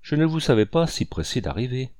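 A man reading an audiobook and voicing a composed, gently ironic young lady of the house. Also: medium pitch, big pitch swings, a little fast, no echo, clean studio sound, natural voice. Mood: poised.

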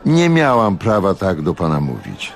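A man's voice: deep voice, huge pitch swings, moderate pace, vocal fry, exaggerated voice. A man voicing a touchy, theatrical glamorous woman. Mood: conciliatory. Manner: indignant, theatrical. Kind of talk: radio audiobook reading.

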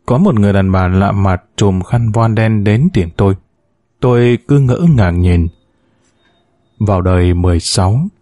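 A man narrating a story aloud in a steady, even storytelling manner. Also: fairly low pitch, normal speed, no echo, studio quality. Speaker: audiobook narrator.

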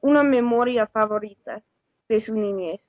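A woman conducting a friendly class interview, asking questions in a halting way. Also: a little high. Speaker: student interviewer. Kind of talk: casual phone interview. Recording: tinny phone line with faint noise.

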